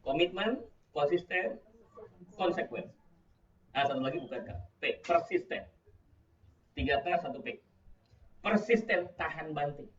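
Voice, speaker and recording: A man's voice: a little high, a little slow, long pauses, a bit bright. A man giving a live religious lecture, joking and speaking directly to the audience. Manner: humorous, addresses audience directly. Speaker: Islamic preacher. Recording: echoey, distant, dull live-stream audio.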